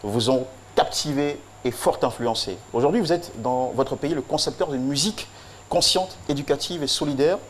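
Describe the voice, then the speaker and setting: A man presents a formal tribute, his delivery solemn and rhythmic, built on emphatic repetition. His voice sits at an ordinary middle pitch. Faint noise runs under the recording. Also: normal speed. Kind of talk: declamatory tribute speech.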